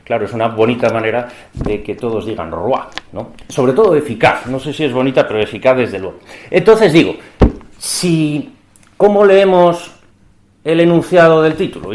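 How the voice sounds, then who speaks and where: A man's voice: medium pitch, reverberant. A man giving an academic conference lecture, talking in a discursive way and often asking the audience rhetorical questions.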